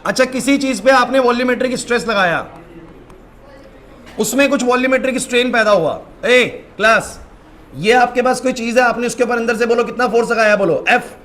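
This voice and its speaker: Young male physics teacher in a classroom, high voice; scolds, coaxes, quizzes pupils by name. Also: a little fast, fairly bright tone, slight background noise.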